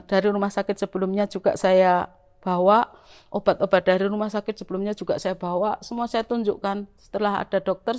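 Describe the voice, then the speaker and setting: In a mid-range voice, a middle-aged woman recounts her testimony before the congregation, bringing a lively storytelling energy. Her Indonesian carries a Javanese-influenced accent.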